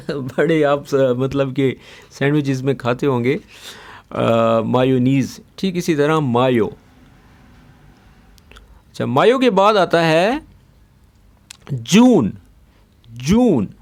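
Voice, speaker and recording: A man's voice: a little high, darkish tone. A young man, teaching a casual language lesson and patiently repeating each word several times. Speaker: Arabic teacher.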